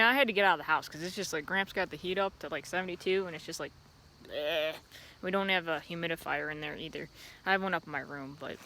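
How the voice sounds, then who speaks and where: A woman with a fairly low voice rambles casually, as if to a camera, drifting from one aside to the next. She is outside by a busy street, with faint traffic and ambient noise around her. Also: bright, forceful tone. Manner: easily distracted, drifting between asides. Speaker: vlogger. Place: outdoors in a yard beside a loud street. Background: passing vehicles and outdoor ambience.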